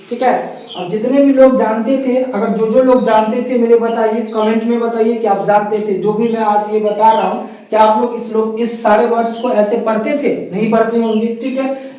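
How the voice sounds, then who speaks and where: A man's voice: very high-pitched, dark tone, very echoey, recorded from a distance, dull audio. A man teaching English word pronunciation, repeating each word and quizzing the listener with rhetorical questions. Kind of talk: casual teaching.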